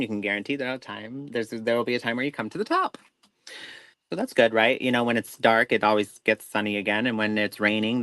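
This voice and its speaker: A man's voice: on the low side, bright, forceful tone, dry recording, poor audio. A man co-hosting a live show, giving a tarot reading in a rambling, self-interrupting way with folksy reassurance. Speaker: tarot reader, co-host.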